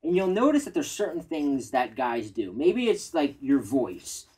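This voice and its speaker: A man giving dating advice in a measured, reflective casual chat. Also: mid-range voice, very animated, dark tone, breathy edge, low-quality recording. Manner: measured, reflective, self-disclosing. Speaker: dating coach.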